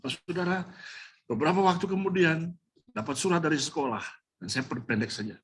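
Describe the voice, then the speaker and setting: A man's voice: fairly high pitch, a little fast, fairly bright tone, husky. Emotional man preaching a testimony. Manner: emotional storytelling, addresses the congregation directly; slips English words and phrases into his speech. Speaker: pastor. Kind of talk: sermon with personal testimony.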